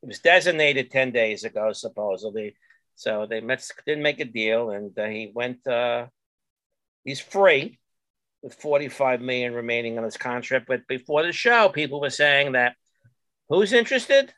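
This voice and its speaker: A man's voice: mid-range voice, normal speed, dry recording. A man hosting a casual sports talk show, leading the chat with questions. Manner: lively, leads the talk with questions. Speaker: host.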